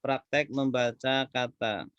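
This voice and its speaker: A man teaching an Arabic reading class, slow and patient, repeating each student's answer. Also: mid-range voice, steady tone, a bit bright, clear, resonant tone, dry recording, lo-fi sound. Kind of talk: online class drilling students.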